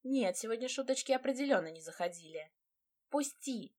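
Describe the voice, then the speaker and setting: A woman reading a romantic fantasy novel aloud in the first person, lively and expressive. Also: medium pitch, moderate pace. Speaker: audiobook narrator. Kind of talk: scripted first-person narration.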